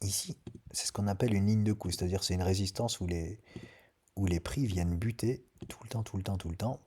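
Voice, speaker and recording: Male trading host, casual chart breakdown, emphatic and repetitive, dark mellow voice. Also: deep voice, brisk, husky. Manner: emphatic, loose and chatty, repeats his point.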